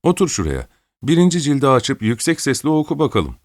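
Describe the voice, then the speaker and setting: A man's voice: mid-range voice, huge pitch swings, fairly quick, no room sound, clean studio sound, pitched above the performer's own voice. A man reading an audiobook, voicing an old, imperious countess who scolds and gives orders. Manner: scolding, commanding, querulous.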